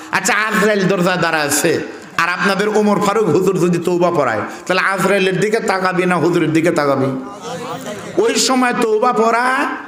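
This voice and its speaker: High-voiced preacher from Bogura, echoing. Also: male voice, fairly bright tone. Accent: Bogura Bengali. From Bogura, Bangladesh. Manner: fervent, drops into quoted dialogue and rural dialect. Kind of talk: open-air sermon. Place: large outdoor religious gathering. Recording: echoey outdoor PA with long reverb.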